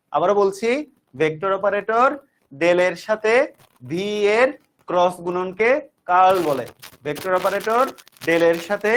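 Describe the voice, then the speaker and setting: This online physics teacher, a man, goes over each definition twice and checks in warmly and directly with students to see if they're keeping up. His voice sits high, with slight background noise behind it.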